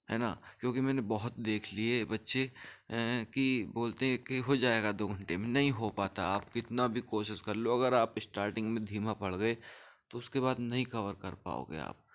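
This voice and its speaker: A man's voice: fairly low pitch, fairly bright tone. Chatty young man coaching exam takers. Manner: conversational, keeps asking for agreement. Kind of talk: casual Hindi tutoring talk.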